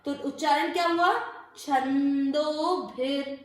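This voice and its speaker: In a very echoey room, a woman with a high voice and lively intonation teaches Sanskrit verse pronunciation step by step at a measured pace. It's a recitation lesson in which she patiently repeats syllables and poses rhetorical questions.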